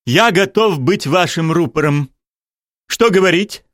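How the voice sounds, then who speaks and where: A vain male actor full of his own importance, declaiming each phrase as if from a stage, pitched high above the narrator's own voice, as a male reader puts him on. The sound is close and dry, with no room around it. Every line comes out grand and self-important. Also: expressive, unhurried, fairly bright tone, no echo. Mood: grandiose. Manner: theatrical, declaiming.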